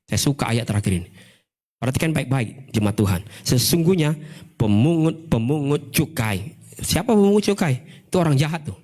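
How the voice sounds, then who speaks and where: A male pastor giving a lively Sunday sermon, calling for "amin" from the congregation and sometimes shouting. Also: medium pitch, fast. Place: church service.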